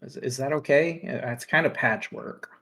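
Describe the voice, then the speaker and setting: A man narrating as game master of a tabletop game, relaxed and loose with frequent fillers. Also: mid-range voice, moderate pace.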